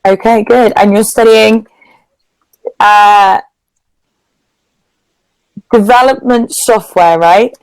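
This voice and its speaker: A woman from England with a British accent chats casually as an online English tutor, keeping her phrasing simple for a learner. Her mid-range voice is steady, and she speaks slowly with long pauses. The low-quality video-call recording has no echo.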